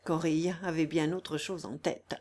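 A woman narrating a classic novel aloud in a measured, expressive storytelling manner. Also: sits low.

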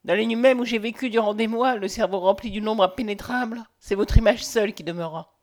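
A woman's voice: medium pitch, brisk, darkish tone, close to an everyday voice. A woman voicing an ardent, domineering man who pleads and commands with passion in a read-aloud novel. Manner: impassioned, commanding. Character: ardent, domineering man declaring his love.

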